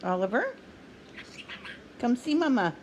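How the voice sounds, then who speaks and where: A woman talking affectionately to her pet bird at home, cooing short repeated phrases with pauses between them, with chirps behind her. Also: fairly high pitch, big pitch swings, background noise. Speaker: pet owner talking to a budgie. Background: budgie chirps and clicks.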